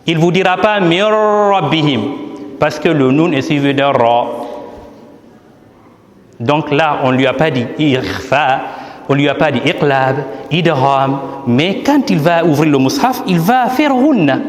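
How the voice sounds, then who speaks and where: A man's voice: a little high, a little slow. A man, an imam, presenting his book as a teaching talk, explaining step by step and asking and answering his own questions. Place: large hall at a ceremony. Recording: echoey hall with long reverb.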